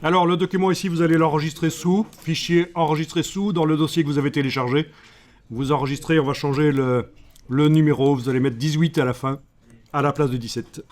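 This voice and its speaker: Joking Belgian French teacher. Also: male voice, fairly high pitch, fairly even intonation, a little fast, darkish tone. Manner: joking asides to students. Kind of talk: live software class.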